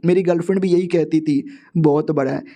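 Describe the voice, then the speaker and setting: A man's voice: fairly high pitch, fairly even intonation, brisk, mellow, natural voice. A man voicing a chubby, chatty young male sidekick who rambles and jokes. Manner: rambling, jokey.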